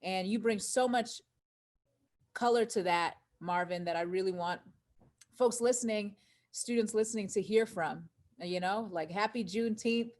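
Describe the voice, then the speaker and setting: A woman's voice: medium pitch, normal speed, a little mellow. A woman hosting a live-stream interview over a video call, upbeat and speaking straight to her viewers. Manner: upbeat, addresses viewers directly. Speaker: host.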